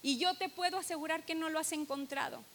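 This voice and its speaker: A woman's voice: high voice, steady tone, brisk, fairly bright tone, slight background noise. A woman preaching a sermon to her church, earnest and emphatic, stressing key words and reading scripture aloud.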